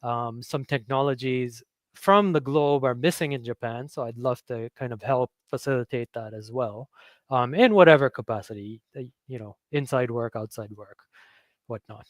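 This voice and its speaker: A man's voice: medium pitch, moderate pace, no room sound. A man co-hosting a casual livestream chat, speaking earnestly and hedging with fillers. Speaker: podcast co-host.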